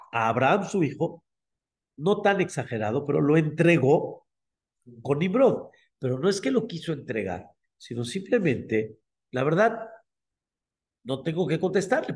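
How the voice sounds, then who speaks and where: Emphatic Mexican rabbi, slightly high voice. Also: male voice. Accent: Mexican Spanish. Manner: emphatic, repeats key words, clears throat often. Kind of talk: sermon lesson, storytelling.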